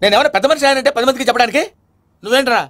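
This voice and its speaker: A man's voice: very high voice, very fast, very noisy. A man playing a grumbling, sardonic father in a film comedy scene. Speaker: father and head of household in a film.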